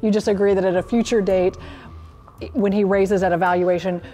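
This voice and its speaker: Warm-voiced woman investor asking questions. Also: medium pitch, fairly even intonation, a little fast, faint music behind. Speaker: investor on a pitch panel. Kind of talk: casual questioning and explaining.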